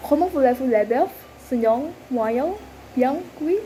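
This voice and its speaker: A polite young waitress in a student role-play, played by a young woman from Indonesia. Her voice sits high but sounds mellow and soft. Light music plays underneath. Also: expressive, a little slow. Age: 20s. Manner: polite, careful learner's French. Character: polite young female restaurant server. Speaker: student playing a restaurant server.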